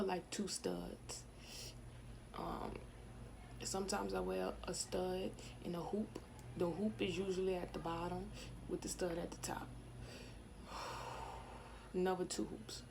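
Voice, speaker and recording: A woman's voice: lowish voice, creaky, noisy background. A woman, chatting casually and rambling to camera in a home vlog. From Louisiana, USA. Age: 20s. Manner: rambling, chatty, self-focused asides. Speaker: vlogger. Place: home, indoors.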